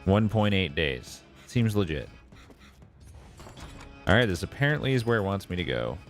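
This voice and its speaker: A man doing casual live game commentary, thinking out loud and answering viewers as he plays. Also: deep voice, big pitch swings, normal speed. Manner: reads and answers viewers' messages aloud. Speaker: game streamer. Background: game music.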